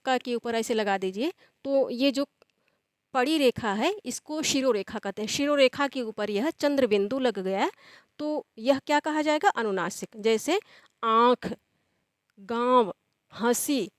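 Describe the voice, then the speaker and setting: A woman teaching a grammar lesson, who asks questions and then answers them in a steady, explaining way, drawing out the example words slowly. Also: fairly high pitch, no room sound, studio quality.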